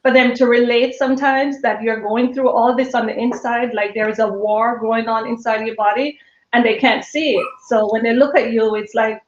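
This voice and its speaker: A small business owner in her fifties joins a live stream as a guest, chatting casually and laughing often in a Jamaican accent mixed with British and American sounds. Her slightly high voice keeps a steady tone at normal speed, and the lo-fi recording sounds roomy.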